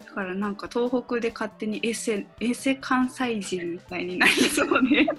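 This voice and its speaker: A woman's voice: on the high side, moderate pace, fairly bright tone, faint music behind. A woman in a casual chat, speaking politely and laughing often. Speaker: podcast member.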